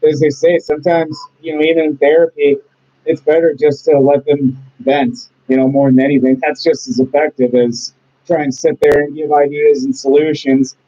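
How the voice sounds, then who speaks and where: A man's voice: a little high, flat delivery, normal speed, warm tone. A man hosting a casual interview, rambling encouragingly with lots of fillers. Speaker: host. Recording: dull lo-fi audio.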